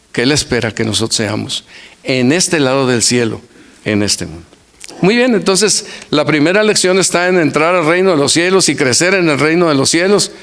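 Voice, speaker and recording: An older man preaching an earnest sermon, repeating his points and weaving in homely stories. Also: on the high side. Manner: earnest, repetitive preaching with folksy anecdotes. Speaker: pastor. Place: church.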